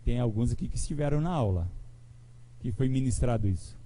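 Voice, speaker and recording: A man's voice: medium pitch, lively intonation, brisk, dark tone, rough recording. A man preaching a sermon, leading his congregation in reading scripture aloud together.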